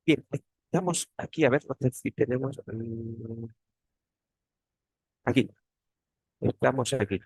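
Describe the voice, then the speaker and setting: A man's voice: medium pitch, takes it slowly, vocal fry, long pauses, a little mellow, slightly rough, no room sound. A man, a teaching assistant, giving an online grammar lesson, explaining patiently and often tagging phrases with questions. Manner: explanatory, frequent tag questions.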